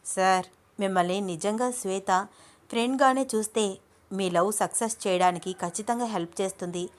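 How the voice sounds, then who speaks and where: A woman doing a calm advising young woman. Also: mid-range voice, moderate pace, lightly acted.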